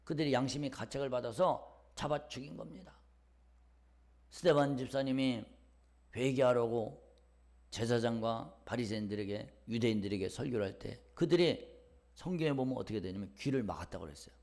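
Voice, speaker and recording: Pastor swinging from whispers to loud pleas. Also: male voice, medium pitch, moderate pace. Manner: swings between hushed whispers and loud emphatic lines; acts out quoted voices in dialogue. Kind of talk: sermon.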